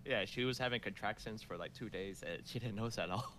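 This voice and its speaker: A man's voice: on the low side, fast talker, a bit bright, a little hiss or hum. A man recounting a family story in casual conversation, laughing often and restarting his sentences.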